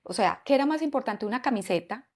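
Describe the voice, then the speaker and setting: A woman speaking, her voice sitting a bit higher than most. She talks as a psychologist guest on a conversational podcast, laying out her points and tossing in rhetorical questions to keep the listener with her. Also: expressive, fast, darkish tone. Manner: explanatory, asks frequent rhetorical questions. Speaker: psychologist and parenting expert guest.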